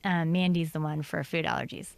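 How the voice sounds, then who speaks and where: A woman's voice: low-pitched, fairly even intonation, a little fast, vocal fry, no room sound. A woman guest on a podcast, talking about her work in a bubbly, enthusiastic, chatty way. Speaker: guest filmmaker. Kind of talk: casual interview chat.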